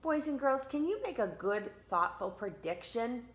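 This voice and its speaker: A woman teacher with a voice on the high side reads a storybook aloud to children, expressively addressing them directly and drawing out words for emphasis.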